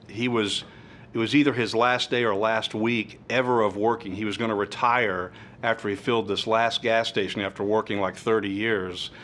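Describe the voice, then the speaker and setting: A man with a low voice speaks in an interview as a prosecutor, deliberate and measured. A faint rumble runs under the recording. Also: a bit bright.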